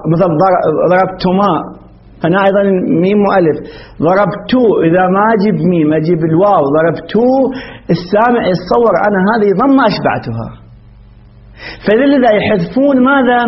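A man's voice: high voice, lo-fi sound. A man teaching an Arabic grammar class, explaining step by step and putting questions to his students, with many false starts. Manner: explanatory, asks the class questions, frequent restarts.

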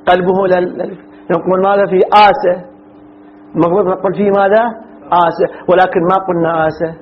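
A man's voice: sits high, level tone, fast, slight background noise. A man teaching a classroom lecture, posing questions and answering them himself, repeating key terms. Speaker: teacher of Arabic morphology. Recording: dull lo-fi recording.

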